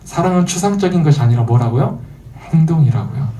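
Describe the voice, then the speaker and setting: A young man delivers a Sunday sermon, his voice a little high and mellow in tone. He asks the congregation questions and answers them himself, slipping into the voices of mockers to make his point. The sound comes from some distance in an echoey church hall. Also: quick pace. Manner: animated, acts out quoted voices of churchgoers and mockers. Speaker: pastor. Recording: echoey room, voice from far off the mic.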